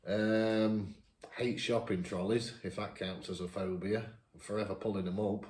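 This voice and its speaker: A man in his fifties with a northern English accent, chatting casually as he answers viewer questions, each read out brighter. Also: lowish voice, fairly even intonation, normal speed, reverberant. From England. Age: 50s. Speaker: vlogger. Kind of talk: casual Q&A chat.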